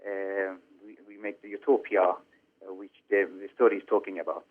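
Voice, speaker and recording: Halting Iranian-born man on a phone line. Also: sits low, level tone. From Iran. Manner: halting, many fillers and restarts. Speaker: film director. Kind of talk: interview over the phone.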